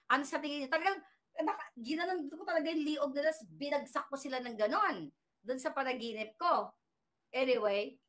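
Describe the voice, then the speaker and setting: A woman vlogger from the Philippines casually recounting a dream in a chatty, rambling way, with many restarts and fillers. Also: high voice. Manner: animated retelling of a dream. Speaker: political commentary vlogger. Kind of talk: casual storytelling monologue.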